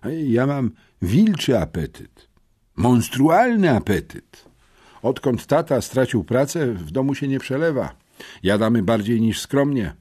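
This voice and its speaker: A man's voice: medium pitch, very animated, measured pace, warm tone, husky. A man reading an audiobook, voicing a nervous, hungry schoolboy who stammers and pleads. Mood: confessing.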